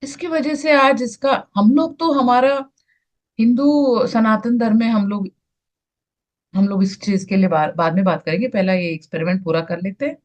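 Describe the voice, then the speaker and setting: A woman presenting an online health session, explaining slides in an unhurried way, repeating words and restarting often. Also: fairly high pitch, darkish tone. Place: online video call.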